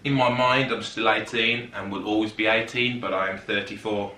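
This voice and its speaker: In his 30s, a fitness YouTuber sits on his settee at home and chats casually to camera, often rambling and going off on tangents. His voice is on the low side, steady, bright and forceful at normal speed. The rough recording is reverberant and distant-miked, with a little hiss or hum.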